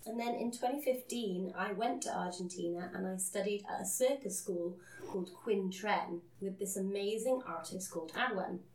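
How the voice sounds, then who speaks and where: A woman tells a story in an earnest, casual way and laughs at her own slips. Her voice carries a roomy echo. She sits a little back from the microphone. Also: medium pitch. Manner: earnest, self-deprecating, laughs at herself. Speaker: podcast co-host. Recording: roomy, a bit distant from the mic.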